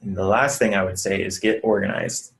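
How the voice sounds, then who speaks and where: His low, gravelly voice holds a steady tone and moves fairly quickly, but the audio is poor. The speaker, a physical therapist who owns a clinic, offers earnest, conversational advice in a casual vlog and talks the viewer through breathing.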